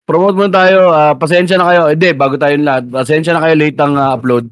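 A man co-hosting a podcast, chatting loosely and laughing often, with a fairly high voice. He swears freely and talks in quick bursts. The recording is dry and close. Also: fairly even intonation, no echo. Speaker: podcast co-host. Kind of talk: casual chat.

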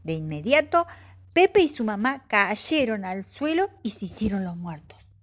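Woman narrator for a children's storybook, slow, expressive, lively pitch. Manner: expressive, with sound effects. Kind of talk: children's storybook read-aloud.

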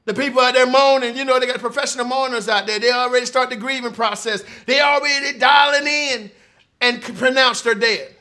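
A man preaching a lively sermon, calling on his congregation. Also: very high-pitched, brisk. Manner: animated, calls on the congregation.

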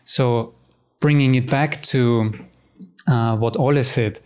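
A male interview guest from Austria with a mid-range voice. He speaks conversationally and somewhat haltingly, rewording his thoughts as he goes. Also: medium pitch, fairly even intonation.

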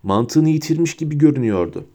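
A man narrating an audiobook with steady storytelling. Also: on the high side, quick pace. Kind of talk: scripted narration.

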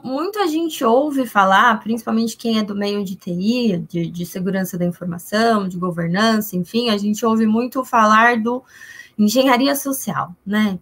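A woman's voice: medium pitch, fairly bright tone. A woman with a Brazilian accent speaking as a guest expert, explaining things informally and in simple terms.

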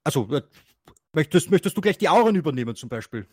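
A man's voice: a little high, very animated, quick pace, slightly rough, dry recording, clean studio sound. A man chatting casually about a card game on a podcast, rambling with many restarts and fillers and laughing often. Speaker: co-host.

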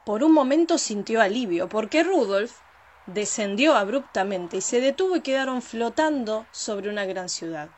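Expressive woman telling a story. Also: fairly high pitch, normal speed. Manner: lively, expressive. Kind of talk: storybook narration.

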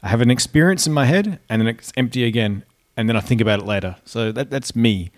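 A man's voice: mid-range voice, fast. A man hosting a podcast, chatting casually in a laid-back, jokey way. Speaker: podcast host. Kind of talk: casual chat.

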